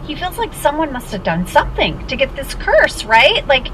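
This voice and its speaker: A woman with a high voice co-hosts a casual recap podcast. She tells stories in an animated way and slips into quotes. The recording has clear car and road noise over it. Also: moderate pace, rough recording. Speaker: podcast co-host. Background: vehicle and outdoor traffic noise.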